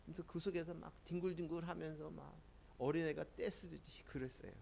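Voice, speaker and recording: A man's voice: a little high, steady tone, a little fast, vocal fry, a little mellow, a little hiss or hum. A man preaching a sermon, telling a personal testimony in an earnest storytelling way that rises in emphasis. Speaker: pastor.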